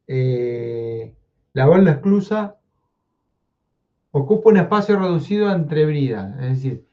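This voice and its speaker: A man's voice: a little high, muffled recording. A man giving a technical lecture, often checking in with "¿sí?". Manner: explanatory, checks in with frequent "¿sí?". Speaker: university lecturer.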